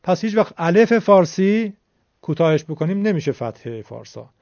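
A man's voice: sits high, sing-song, darkish tone, no room sound, lo-fi sound. A man teaching a lesson on vowel pronunciation, explaining patiently and demonstrating sounds by drawing out and repeating words.

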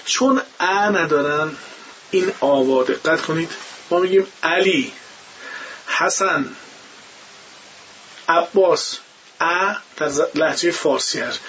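A man's voice: high voice, a bit bright, dull audio, slight background noise. A man who teaches Quran recitation, explaining pronunciation in an interview and acting out the sounds himself. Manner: demonstrates pronunciations by imitating sounds.

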